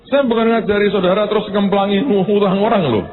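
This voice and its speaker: Animated male pastor, tinny sound. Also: fairly quick. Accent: Javanese-inflected Indonesian. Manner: animated storytelling, swings between high exclaiming and low murmured asides. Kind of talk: sermon. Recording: tinny phone-like sound with faint noise.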